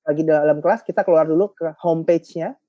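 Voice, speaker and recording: A man's voice: fairly high pitch, fairly even intonation, fast, no echo, highs cut off. A man training teachers in an online webinar, chatty and joking as he walks the audience through each step.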